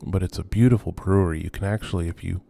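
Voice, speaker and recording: This urban explorer and video host talks fast in a low, steady, creaky voice with a dark tone. Wandering abandoned row houses at night, he narrates off the cuff in a subdued, hesitant, musing way, trailing off often, over noisy ambient sound.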